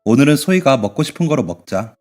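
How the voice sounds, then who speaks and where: A man playing a gentle middle-aged stepfather. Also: mid-range voice, expressive, fast talker, faint music behind, lightly acted. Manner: gentle, comforting.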